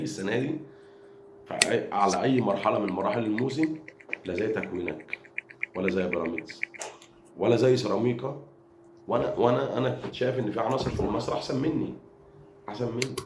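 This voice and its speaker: A low-voiced man with an Egyptian accent rattles through a rapid, taunting football rant, repeating his lines for effect. His voice bounces around an echoey room, and clear background noise sits under it. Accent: Egyptian Arabic. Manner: taunting, mocking rival fans; rapid, repetitive, animated delivery. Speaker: football fan vlogger. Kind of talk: fan rant to camera.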